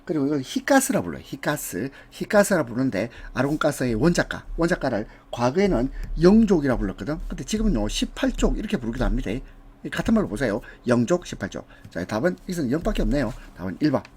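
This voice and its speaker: A man with a husky, slightly rough voice gives an exam prep lecture. His pitch moves a lot as he stresses numbers and terms. He goes through each answer step by step and breaks off for casual asides. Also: very animated, fast talker, a little mellow.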